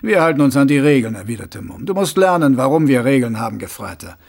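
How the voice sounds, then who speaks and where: A man's voice: medium pitch, sing-song, fast talker, creaky, a little mellow. A man reading an audiobook, voicing a curt, stiff male night-watch sergeant in a dry manner. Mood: stern. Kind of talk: audiobook character voice.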